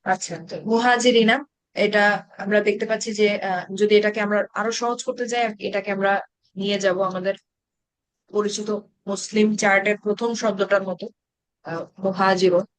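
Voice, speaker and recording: A woman's voice: mid-range voice, little pitch movement, normal speed, pauses often, no echo. A woman teaching an Arabic grammar class in Bengali-accented speech, explaining patiently and asking her students questions. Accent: Bangladeshi Bengali.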